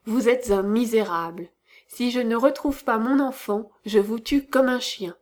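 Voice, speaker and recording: A furious nobleman colonel thunders out threats and reproaches, read by a woman. The voice sits fairly high and the lines come slowly, heavy with anger. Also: a little mellow, natural voice. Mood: threatening. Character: furious grief-stricken male colonel, a nobleman.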